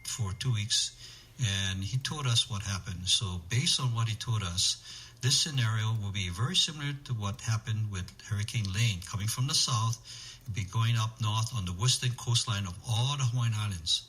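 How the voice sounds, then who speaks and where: Slightly low-voiced man explaining methodically. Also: moderate pace, a bit bright, rough recording. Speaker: interview guest, amateur radio emergency organizer. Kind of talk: explanatory radio interview.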